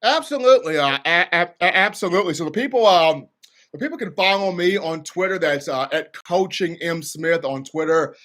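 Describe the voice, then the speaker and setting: A man's voice: on the high side, lively intonation, moderate pace, fairly bright tone. A man, a sports reporter chatting as a guest, who stammers and repeats words. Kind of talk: casual interview chat.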